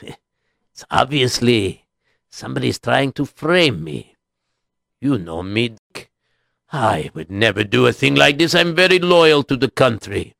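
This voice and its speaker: A man voicing a gentle, innocent male rabbi who pleads mildly. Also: medium pitch, big pitch swings, unhurried, vocal fry, long pauses, no room sound, clean studio sound, full character voice. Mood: pleading.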